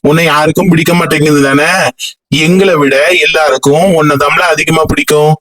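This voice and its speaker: A man's voice: fairly high pitch, fairly bright tone, close to an everyday voice, rough recording. A man voicing a stern, blunt old male pepper uncle in a cartoon. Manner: scolding, blunt, lecturing. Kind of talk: cartoon voice acting.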